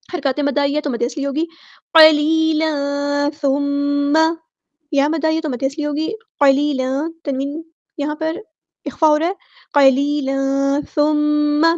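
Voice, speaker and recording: A woman with an Urdu accent teaching Quran recitation rules word by word, explaining each rule quickly and then reciting the words slowly and loudly. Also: sits high, fairly even intonation, no room sound, lo-fi sound. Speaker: tajweed teacher.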